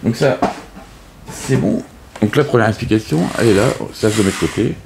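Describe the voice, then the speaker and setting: Man, very low voice, hesitant board game tutorial. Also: expressive, a little fast, creaky, heavy background noise. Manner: hesitant, many fillers and restarts. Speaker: board game video host. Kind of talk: casual unscripted game tutorial.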